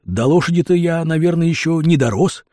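A man voicing an earnest, naive young village lad who speaks hesitantly and unsurely, with a husky voice. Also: fairly high pitch, fairly quick, dark tone, no echo, clean studio sound, voice pushed up, natural voice.

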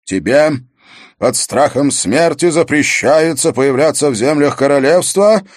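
A man's voice: fairly high pitch, lively intonation, measured pace, no echo, clean studio sound, voice pushed up. Man playing a stern, commanding king. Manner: commanding, formal pronouncements. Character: stern, dignified male king passing judgment.

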